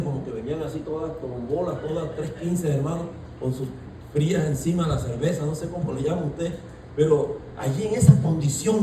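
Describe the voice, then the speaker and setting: Dark-voiced preacher echoing from afar. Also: male voice, on the high side, a little hiss or hum. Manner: preaching with rising shouts and colloquial asides. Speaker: pastor. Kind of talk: sermon. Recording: echoey room, voice from far off.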